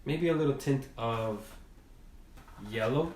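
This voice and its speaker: A man leads a drawing lesson, telling a gentle story as he colors. He speaks in a middle-pitched voice, unhurried and halting, with frequent restarts. The sound is roomy and distant, as if the mic were several feet away. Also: noisy background. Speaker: art teacher.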